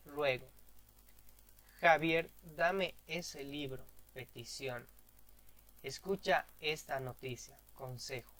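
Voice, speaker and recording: A man giving a grammar lesson, reading out definitions and example sentences slowly and deliberately. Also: on the high side, fairly bright tone, poor audio. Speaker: teacher.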